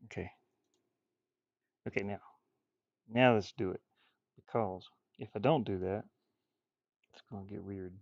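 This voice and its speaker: In a dull, dry recording with no room sound, a folksy hobby artist chats on his livestream while drawing, muttering and thinking aloud to himself. His lowish, slightly mellow voice moves at a measured pace with long pauses.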